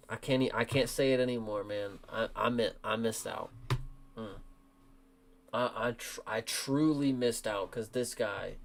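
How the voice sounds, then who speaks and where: A young man streaming, reacting to fight results in a frustrated, profane, animated rant with lots of slang. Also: medium pitch. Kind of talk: casual livestream reaction.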